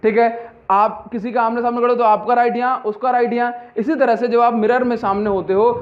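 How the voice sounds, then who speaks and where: A man's voice: extremely high pitch, flat delivery, brisk. A man teaching a physics lesson, who keeps repeating key terms and asking his students whether they have understood. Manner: mixes in English terms, asks and answers his own questions. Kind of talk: classroom lecture. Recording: dull lo-fi audio.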